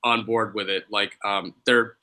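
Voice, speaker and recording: A man's voice: fairly low pitch, steady tone, measured pace, sharp tone, poor audio. A man, a teacher who runs a student help desk, talking casually and loosely with many fillers. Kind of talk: casual discussion.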